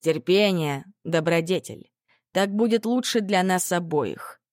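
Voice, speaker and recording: A woman voicing a wry, smirking dark lord. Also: on the low side, animated, measured pace, dry recording, clean studio sound. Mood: calm. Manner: teasing, gently smirking. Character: wry confident male dark lord, calm and protective.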